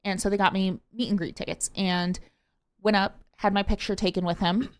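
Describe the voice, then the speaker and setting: Woman podcast co-host, chatty and excitable, drifts from tangent to tangent. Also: mid-range voice, normal speed, smooth. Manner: rambling, excitable storyteller, jumps between tangents. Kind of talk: casual chat.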